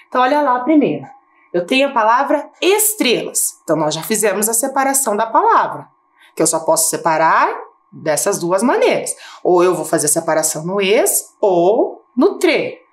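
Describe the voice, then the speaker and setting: A Brazilian woman teaches a recorded class for children. Her fairly high voice swings up and down a great deal as she asks questions and patiently drags out each syllable. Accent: Brazilian Portuguese. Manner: patient, rising question-and-answer tone, slows to spell out syllables. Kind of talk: recorded lesson for schoolchildren.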